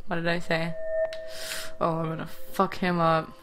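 A young woman talks her way through a game in casual, chatty commentary, swearing freely and shouting at the characters. Her voice sits a little low. Faint music plays underneath. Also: monotone, moderate pace. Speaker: let's play gamer.

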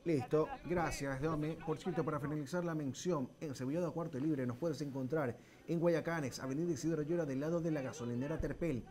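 Fairly high-voiced Ecuadorian football announcer, a man. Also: brisk, hardly any pauses, a little mellow. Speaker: lead football announcer, reading sponsor mentions. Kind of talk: live football play-by-play and presenting.

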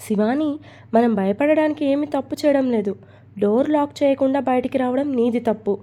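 A woman's voice: high voice, fairly quick, dark tone, lightly acted. A woman voicing a sulky, teasing young husband who grumbles reproachfully in a storybook reading.

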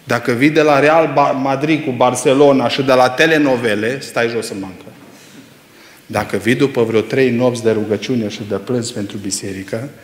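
A man preaching a sermon, swinging between loud rising exclamations and hushed low asides, firing rhetorical questions at the congregation. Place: church hall. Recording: echoey reverberant church hall.

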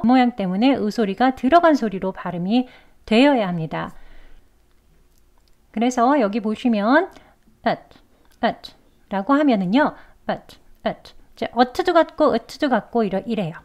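A woman teaching English pronunciation in a calm, explanatory way, slowing down to model words. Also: on the high side, dull audio. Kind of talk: pronunciation lesson.

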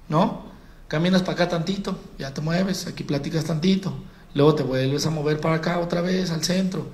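Mexican male sales trainer, high voice, colloquial and demonstrative, live in an echoey event hall. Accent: Mexican Spanish. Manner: colloquial, addresses audience as compadre, demonstrates by acting out. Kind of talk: live public-speaking training.

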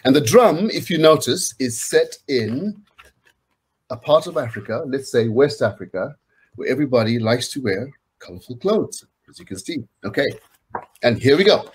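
A middle-aged man reads picture books aloud to children in a small room at home, chatting casually and encouraging them to join in. His mid-range voice is animated and slightly rough, moving at a moderate pace.

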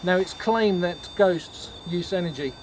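A man leading a ghost tour, explaining things informally to a group in a halting, matter-of-fact way. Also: high voice. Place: on a night walking tour, in the dark. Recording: noisy outdoor night recording.

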